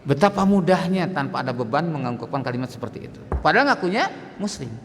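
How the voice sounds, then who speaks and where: A man's voice: fairly high pitch, sing-song, fast talker, a little hiss or hum. A man preaching at a mosque, telling a story dramatically and acting out the dialogue. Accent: Indonesian. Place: mosque hall. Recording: long hall reverb in mosque.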